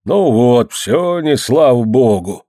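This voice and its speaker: A man's voice: mid-range voice, animated, takes it slowly, dark tone, no room sound, studio quality, voice pushed up. A man voicing a grumbling, cross older manservant.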